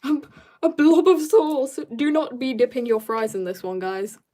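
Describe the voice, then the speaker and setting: This streamer draws casually while reading out and answering comments from viewers, sometimes fading into quiet mumbles as she works. She says she's tired. Her high-pitched voice is animated but unhurried.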